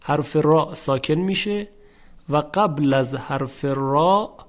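A middle-aged man teaching tajweed, explaining the rules slowly and chanting the example words drawn out. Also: a little high. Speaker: Quran recitation teacher. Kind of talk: tajweed lesson.

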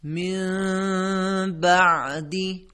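High, smooth male reciter. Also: fairly even intonation, sharp tone. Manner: slow, drawn-out chanting. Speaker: reciter of lesson examples. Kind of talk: slow Quranic recitation of short examples.

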